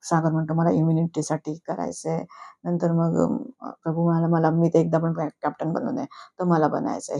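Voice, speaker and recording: A middle-aged woman chats through a reality show recap in a low, steady voice with a gravelly edge and a mellow tone. She quotes the contestants as she retells their quarrels and laughs often as she goes. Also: highs cut off.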